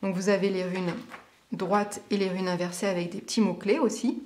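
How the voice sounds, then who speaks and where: A woman's voice: medium pitch, fairly even intonation, moderate pace, a little mellow, slight background noise. A woman who reads tarot, giving a casual on-camera product review, chatty and hesitant with many filler sounds. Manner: reads passages aloud from a booklet. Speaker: tarot reader and teacher.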